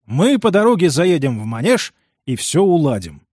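Man voicing a jovial stout old gentleman. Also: on the high side, big pitch swings, normal speed, husky, dry recording, studio quality, pitched above the performer's own voice. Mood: reassuring. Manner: warm, eager, laughing.

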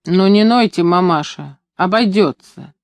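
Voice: mid-range voice, no room sound, close to an everyday voice. A reader voicing a bold, commanding young mother. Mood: dismissive. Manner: commanding, brisk.

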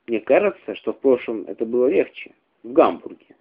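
A man's voice: mid-range voice, big pitch swings, a little fast, slightly rough. A man voicing a troubled, suspicious young man in a radio reading, brooding and moody. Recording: tinny phone-like radio recording.

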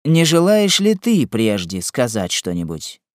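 A stern tribunal president issues orders with slow, firm authority, as a male narrator plays him. His voice lifts and falls expressively. The recording is dry and close. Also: medium pitch, huge pitch swings, no room sound. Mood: measured. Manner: authoritative, commanding.

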